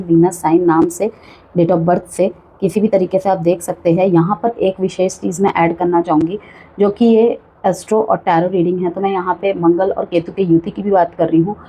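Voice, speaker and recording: A woman's voice: fairly low pitch, steady tone, moderate pace, warm tone, slightly rough, rough recording. A woman giving a chatty monthly tarot horoscope reading, full of warnings and frequent check-ins with the listener. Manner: chatty, cautionary, repeats "ठीक है" often. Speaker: tarot reader.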